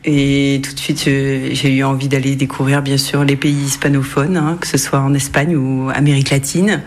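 Low-voiced hesitant woman interviewee. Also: flat delivery, moderate pace. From France. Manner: hesitant, many fillers and restarts. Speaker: interviewee, web radio volunteer. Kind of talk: casual interview answers.

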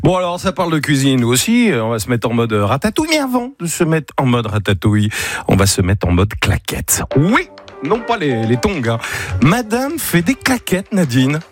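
A man's voice: fairly high pitch, huge pitch swings, moderate pace, soft background music. A man with an English accent co-hosting a radio quiz show with teasing, jokey banter. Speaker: radio game show co-host.

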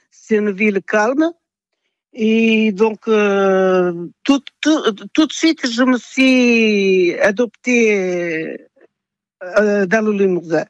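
Retired Portuguese-accented woman, slow, hesitant; dry, slightly muffled audio. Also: medium pitch, no echo. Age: older. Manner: halting, many restarts and fillers. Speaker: interviewee. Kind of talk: radio interview.

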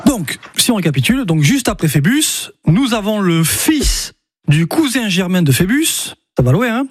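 Lively husky radio history columnist. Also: male voice, sits high, moderate pace. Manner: chatty, lively storytelling.

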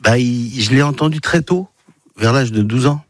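A man in his sixties from the Paris region, a filmmaker telling his life story as a guest in a radio interview. He talks haltingly, often restarting and repeating words. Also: mid-range voice, no room sound. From Paris region, France.

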